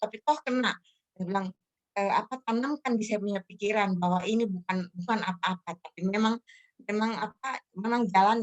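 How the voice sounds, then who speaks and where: A woman's voice: mid-range voice, fairly bright tone. A middle-aged woman sharing a personal church testimony in a casual, emotional way, full of fillers and restarts. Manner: emotional, rambling with frequent fillers and self-corrections.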